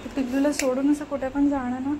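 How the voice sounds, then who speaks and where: A young mother with a Marathi accent talks casually to her phone camera at home, narrating her chores and cheering on her baby. Her voice sits high and light. A steady hiss of noise and passing traffic runs under the recording. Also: fast talker. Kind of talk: casual home vlog chat.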